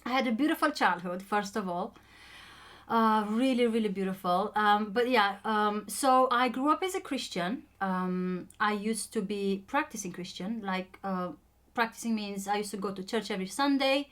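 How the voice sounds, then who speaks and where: A woman's voice: mid-range voice, moderate pace, fairly bright tone. A young woman with a Romanian accent, a native Romanian speaker telling her own story in a casual chat, hesitant and full of ums and restarts.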